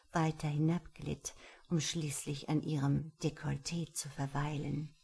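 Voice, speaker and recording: A woman narrating an erotic romance novel in a breathy, intimate reading. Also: deep voice, mellow. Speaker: audiobook narrator.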